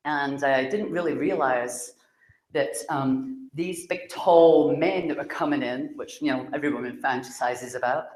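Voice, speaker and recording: Loud Scottish woman in an echoey hall. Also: rumbling low, a little slow. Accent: Scottish, Glasgow. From Scotland. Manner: loud, chatty, laughs often. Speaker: psychic speaker. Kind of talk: public talk to an audience.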